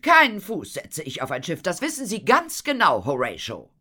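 A woman's voice: fairly low pitch, wildly swooping pitch, normal speed, pushed and bright, voice pushed up, full character voice. A woman voicing a proud, cool-tempered female stage performer who speaks in a haughty, curt way.

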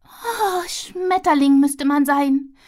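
A woman voicing a scatterbrained, fretful female squirrel in a children's story, with a high, wailing voice and drawn-out sighs. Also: expressive. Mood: surprised.

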